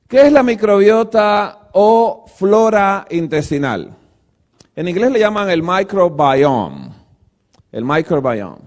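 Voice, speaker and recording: High-voiced man preaching a lecture. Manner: animated, asks the audience rhetorical questions; acts out quoted dialogue. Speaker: guest lecturer at a church.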